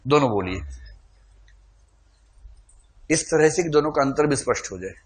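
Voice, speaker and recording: A man's voice: fairly high pitch, expressive, quick pace. A man teaching a classroom lecture, playfully quizzing his students and calling on them to answer.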